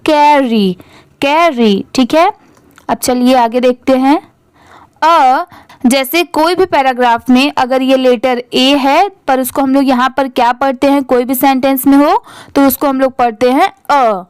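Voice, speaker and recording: Woman English teacher, high voice, dry close sound, spells words slowly and quizzes herself. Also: clean tone, no echo. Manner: spells words letter by letter, asks and answers own questions. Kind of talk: spelling-out reading lesson.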